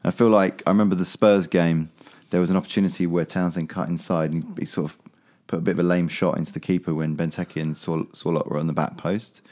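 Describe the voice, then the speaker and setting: Male pundit, deep and dark-toned, relaxed football podcast analysis. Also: quick pace, hardly any pauses. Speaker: podcast panellist.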